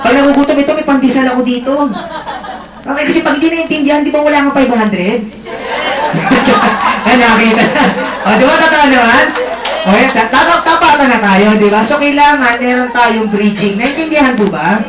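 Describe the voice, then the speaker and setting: A man with an extremely high-pitched voice speaks at normal speed, and the audio is poor and reverberant. He is a presenter giving a motivational talk in an indoor seminar room, doing lively crowd work, teasing the audience and checking in with them often.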